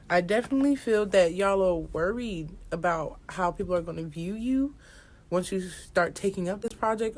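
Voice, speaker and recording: A woman's voice: on the low side, a little mellow, slight background noise. A woman giving a casual astrology reading as an oracle card reader, rambling and repetitive, speaking straight to viewers and swearing now and then.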